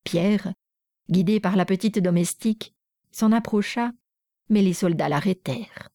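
A woman reading a classic novel aloud in a measured, even storytelling voice. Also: mid-range voice, no echo, clean studio sound. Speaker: narrator.

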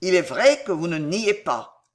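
A man's voice: high-pitched, measured pace. Brief: icy accusing magistrate husband, varied delivery, read by a man. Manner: calm, cutting, accusing. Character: cold stern magistrate husband.

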